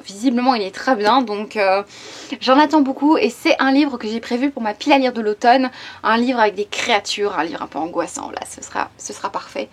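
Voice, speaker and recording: A young woman from Belgium, chatting casually about her new books as a vlogger, often hesitating, restarting and filling pauses. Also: medium pitch. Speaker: book vlogger. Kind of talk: casual book haul chat.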